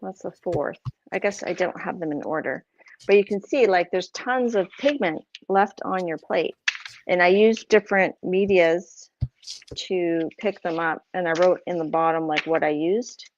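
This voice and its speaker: A woman's voice: lowish voice, moderate pace. Rambling Boston woman, dull lo-fi sound. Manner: rambling, with many fillers and self-corrections. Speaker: craft livestream host. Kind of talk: casual craft chat.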